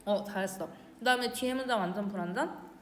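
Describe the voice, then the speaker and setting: A woman's voice: medium pitch, fairly bright tone, slight background noise. Korean woman teaching English in a reverberant room. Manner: casual, asks questions and answers them herself; reads English phrases slowly, then translates. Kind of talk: explaining an English exam passage line by line. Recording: roomy, reverberant with faint ambience.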